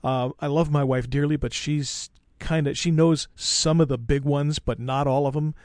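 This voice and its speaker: A man's voice: on the high side, fairly even intonation, normal speed, a little mellow, no room sound, studio quality. An older man hosting a casual interview, chatty and conversational. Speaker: interview host.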